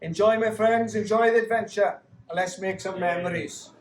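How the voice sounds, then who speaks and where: A man's voice: high voice, fairly even intonation, moderate pace, slight background noise, rough recording. A man leading a cycling team, giving a rousing, coach-like briefing before the ride. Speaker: ride leader.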